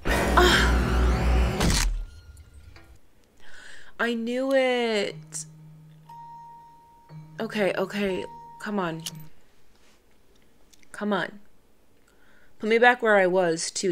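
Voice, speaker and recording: Excitable woman with a lowish voice. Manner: excitable, exclaims and talks to the game. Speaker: gaming video creator. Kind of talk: let's-play commentary.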